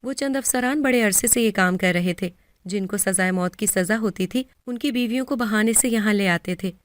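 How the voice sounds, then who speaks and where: A woman with a Pakistani Urdu accent narrating a first-person moral story in a steady, earnest way. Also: medium pitch, dry recording, clean studio sound.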